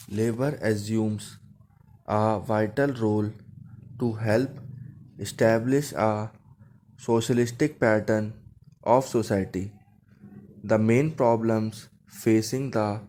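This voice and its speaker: A man's voice: on the low side, darkish tone. A man with an Indian accent reading a script aloud as dictation, in short, separated phrases. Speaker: dictation reader for shorthand skill test. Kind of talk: slow measured dictation read from a script.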